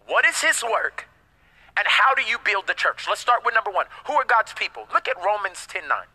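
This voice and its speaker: A man's voice: high-pitched, very animated, fairly quick, bright, forceful tone, low-quality recording. A man preaching a sermon as pastor, emphatic, with call-and-response and casual slangy asides.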